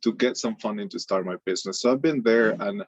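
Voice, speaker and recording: A man's voice: lowish voice, quick pace, no room sound. A man, giving a friendly, upbeat webinar presentation and often restarting and repeating his words. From Venezuela. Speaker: webinar presenter, microloan director. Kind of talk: casual online webinar presentation. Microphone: video call mic. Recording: dull, lo-fi video call audio.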